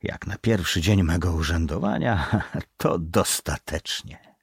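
A man's voice: deep voice, takes it slowly, gravelly, breathy edge, no echo, clean studio sound, full character voice. A man doing a curious, probing young sailor. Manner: inquisitive, questioning.

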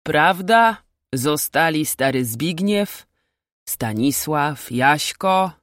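A woman voicing an eager, bitter young male nobleman who talks loudly in old-fashioned speech. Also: sits low, drawn-out words, no echo, clean studio sound, exaggerated voice. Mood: grieving. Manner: loud and excited, archaic speech.

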